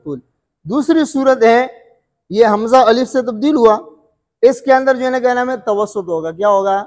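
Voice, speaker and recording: High-voiced teacher in a reverberant hall. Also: male voice, normal speed, a little mellow. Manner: repeats questions and answers them himself, checks if students follow. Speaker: Quran recitation teacher. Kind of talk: classroom lesson.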